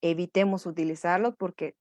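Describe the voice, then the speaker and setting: A woman's voice: lowish voice, steady tone, a little fast, darkish tone, no room sound. A woman neuropsychologist gives a live parenting workshop. She keeps checking in with her listeners and acts out what parents and children say in a livelier voice. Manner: checks in with the audience through repeated tag questions.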